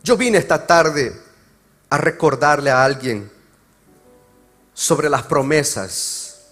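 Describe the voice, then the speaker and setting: A male pastor preaching a sermon, moving between loud emphatic passages and quiet, slow explanation. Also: on the high side, soft background music. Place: church service.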